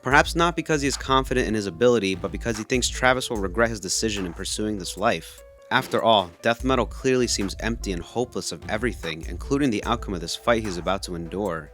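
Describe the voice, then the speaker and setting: A man's voice: fairly low pitch, fast, hardly any pauses, fairly bright tone, soft background music. A man reading scripted narration as a video essayist.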